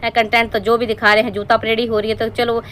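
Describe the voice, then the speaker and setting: Scolding, sarcastic woman, higher voice. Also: little pitch movement, fast talker, fairly bright tone, slight background noise. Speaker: YouTube reaction commentator. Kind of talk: roasting commentary monologue.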